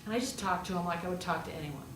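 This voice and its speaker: Speaking very fast with lively intonation, this lowish-voiced woman delivers a story-driven sermon, asking rhetorical questions and repeating points for emphasis. She's a pastor and a hospital chaplain. The mic picks her up from a distance in a roomy space with slight background noise.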